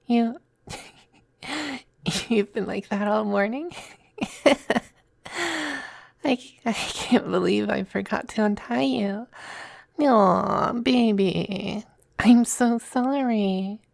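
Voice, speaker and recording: Fully in character, a woman plays a possessive demon femboy in a close ASMR roleplay, her mid-range voice very dry with no echo. She's unhurried and coy, with a creaky edge, teasing smugly but affectionately and often slipping into a breathy whisper. She sounds teasing and amused.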